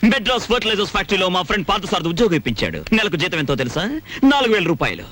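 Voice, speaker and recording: A man acting a cheeky, excitable young man in a Telugu film. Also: high-pitched, very fast, full character voice. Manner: excitable, teasing.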